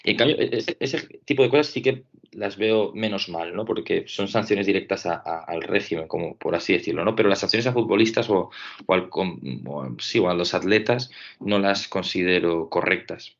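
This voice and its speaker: Man from Spain, very deep and gravelly, a chatty podcaster who is muffled and lo-fi. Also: normal speed. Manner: thinking aloud, many fillers and tag questions. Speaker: podcaster and panelist. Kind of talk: casual debate talk. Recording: dull lo-fi audio.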